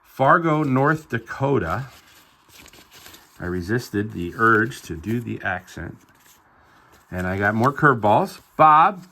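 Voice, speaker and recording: A middle-aged man with a bright, forward voice talks through his finds in a relaxed show-and-tell style. He sounds upbeat and enthusiastic, tossing in chatty asides as he goes. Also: on the low side, takes it slowly, gravelly, long pauses. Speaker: card collector vlogger. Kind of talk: casual show-and-tell narration.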